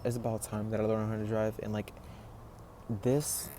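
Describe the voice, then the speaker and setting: A man's voice: fairly low pitch, little pitch movement, normal speed. A man of twenty talking casually to camera, rambling and reflective, with many "like"s and "you know"s. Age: 20s. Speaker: vlogger. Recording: noisy background ambience.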